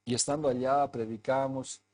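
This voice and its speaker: A man, a pastor, tells a personal story in a sermon, acting out the dialogue, and rises into forceful preaching. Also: medium pitch, steady tone, normal speed. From Bolivia.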